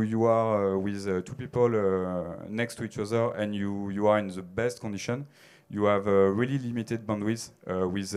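On a theater stage, a French-accented conference speaker answers questions into a handheld mic. His fairly low voice is smooth and clear with a darkish tone, and he often pauses, restarts and fills gaps with hesitations.

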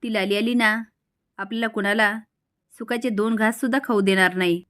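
A woman's voice: medium pitch, steady tone, normal speed, a bit bright, lightly acted. A woman voicing a jovial, food-loving middle-aged man who exclaims and teases in a storybook recap. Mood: jolly. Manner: exclaiming, teasing.

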